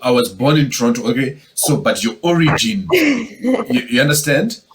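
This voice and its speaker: A man's voice: mid-range voice, very animated, normal speed, background noise. A man moderating a casual panel discussion, talking conversationally and acting out quoted exchanges.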